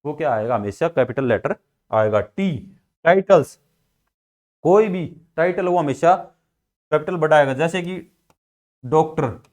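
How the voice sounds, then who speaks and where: A man's voice: on the high side, expressive, unhurried, long pauses, a little mellow. A man with a Haryanvi Hindi accent teaching a school class, asking questions and then answering them himself. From India. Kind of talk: classroom grammar lesson.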